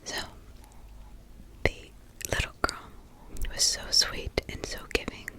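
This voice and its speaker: An adult woman who is a parent whispers close to the mic as a true crime ASMR storyteller. She retells a crime story softly and emotionally, halting with many restarts and pauses.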